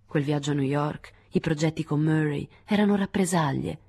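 Low, husky woman reading a novel. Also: warm tone, no room sound, studio quality. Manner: measured, intimate first-person reading. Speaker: audiobook reader. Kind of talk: literary audiobook narration.

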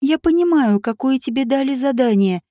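A woman voicing a quiet, betrayed young woman who speaks softly and slowly. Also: high voice, animated, dry recording, clean studio sound. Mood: hurt. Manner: quiet, slow.

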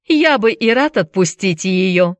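A woman's voice: mid-range voice, expressive, slow pace, no echo, clean studio sound. A woman voicing a crazed, cruel man with a knife, hissing and mocking as he gloats. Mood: gloating calm. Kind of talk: audiobook character reading.

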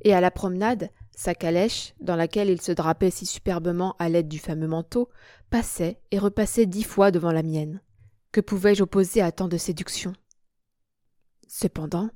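A woman narrating a literary story as an audiobook, in a measured, expressive reading. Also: medium pitch, no echo, studio quality. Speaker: audiobook reader.

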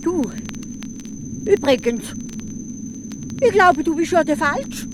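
A woman voicing a cheeky, quick-witted young boy with a Swiss German accent. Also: extremely high pitch, lively intonation, background noise, pitched above the performer's own voice, full character voice. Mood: pleading then clever. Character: cheeky clever young boy woodcutter's son.

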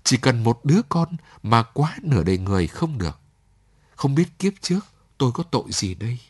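A man's voice: lowish voice, animated, moderate pace, breathy edge. A man reading a story aloud, voicing a lonely young woman who pleads through tears and then turns firm. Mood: pleading.

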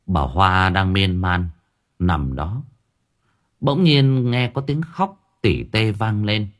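A man narrating an audiobook story dramatically, slowing down for suspense. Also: on the low side.

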